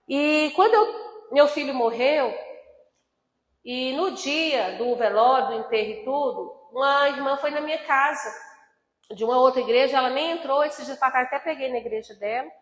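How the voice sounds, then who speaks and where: A woman's voice: sits high, animated, normal speed, reverberant, in a large hall. A woman in her fifties preaching a sermon, telling a personal testimony with emotion and speaking straight to the congregation. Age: 50s. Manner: emotional storytelling, addresses congregation as brothers.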